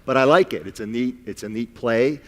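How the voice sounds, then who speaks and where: A man's voice: mid-range voice, brisk, a bit bright. A man judging a competition, giving candid, opinionated critique off the cuff. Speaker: competition judge. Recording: long hall reverb.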